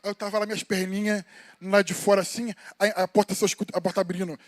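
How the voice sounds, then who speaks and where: A man's voice: high voice, level tone, fast, no room sound. A Brazilian man preaching an informal sermon in a church, telling personal stories in a colloquial way and calling the listeners brothers. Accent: Brazilian Portuguese. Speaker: evangelist preaching. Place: church sanctuary.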